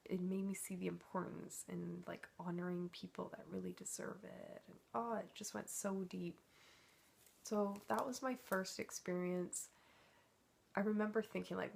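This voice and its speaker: Husky woman telling a personal story. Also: fairly low pitch. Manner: earnest, rambling, heavy use of "like". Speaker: spiritual healer vlogger.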